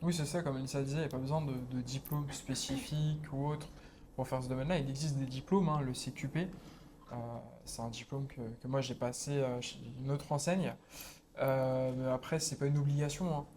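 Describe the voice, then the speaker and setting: A man's voice: medium pitch, steady tone, brisk, background noise. A man who sells kitchens, explaining his work to young visitors in a plain, practical way with some hesitation, in a showroom. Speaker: kitchen salesperson. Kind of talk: casual answers to young visitors.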